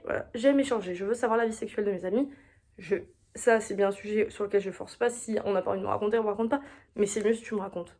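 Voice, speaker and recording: A woman's voice: a little high, darkish tone. A young woman hosting a solo podcast, chatting casually and confidingly, often coming back to the same phrase. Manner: chatty, confiding, repeats herself. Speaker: podcast host.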